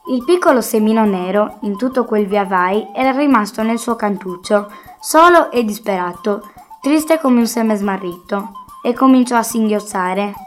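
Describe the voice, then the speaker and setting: A woman reading a children's story aloud in a gentle, expressive narration. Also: a little high. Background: faint music.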